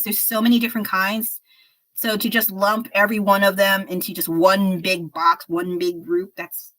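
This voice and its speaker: A woman's voice: lowish voice, bright, forceful tone, rough recording. A woman chatting casually on a livestream while she paints, frank and rambling, a little unwell. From United States. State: slightly unwell. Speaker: streamer.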